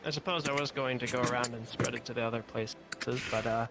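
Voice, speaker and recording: A man's voice: mid-range voice, fairly even intonation, quick pace, over music, natural voice. Kai, a man playing a brusque old guard commander. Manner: brusque, teasing, swears freely. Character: gruff male guard commander near retirement. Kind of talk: in-character tabletop role-play.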